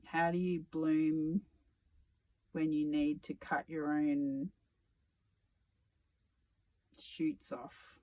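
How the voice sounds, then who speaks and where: A tarot reader talks through a solo reading in a slow, unhurried way. The delivery is musing and reflective, with dry sarcasm and casual swearing, and the voice sits at a middling pitch. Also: little pitch movement, mellow, low-quality recording.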